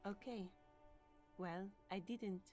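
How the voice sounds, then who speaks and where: A woman's voice: mid-range voice, slow, dark tone, faint music behind, lightly acted. An actress playing a timid woman gardener in a video game, speaking in a hesitant, polite, guarded way.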